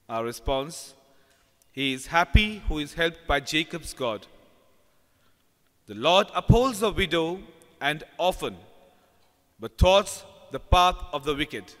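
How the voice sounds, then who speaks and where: A man with an Indian English accent, a lector leading the psalm and reading scripture slowly and deliberately, with the cathedral echo of a large church. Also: a little high, bright, forceful tone. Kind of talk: liturgical reading. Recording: long church reverb.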